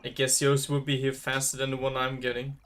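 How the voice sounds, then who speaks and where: A man's voice: mid-range voice, completely flat delivery, brisk, fairly bright tone, a little hiss or hum. A man giving casual let's play commentary, chatty and muttering to himself as he plays. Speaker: streamer. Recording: game music behind.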